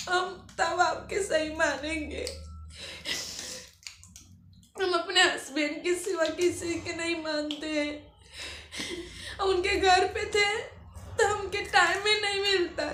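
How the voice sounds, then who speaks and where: A woman with an eastern Uttar Pradesh accent speaks through tears, pleading and repeating herself. Her voice sits very high and moves slowly. The room around her is echoey. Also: fairly bright tone, a little hiss or hum. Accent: Bhojpuri-tinged eastern Uttar Pradesh Hindi. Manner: pleading, emotional, repetitive. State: crying. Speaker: vlogger. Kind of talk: tearful personal vlog appeal.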